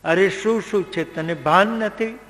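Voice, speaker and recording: A man's voice: sits high, measured pace, a bit bright, in a large hall. A man voicing queen Draupadi, a devoted woman pressing her husband with questions. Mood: pressing worried.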